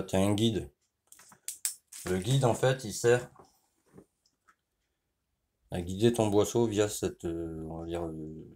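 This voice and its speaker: In a low, dark voice with a bit of hiss or hum on the recording, a French-accented motorcycle mechanic demonstrates a repair. His tone is informal, aimed straight at the viewer, with frequent checks of "tu vois." The explanation unfolds as he works, broken by pauses and fresh starts.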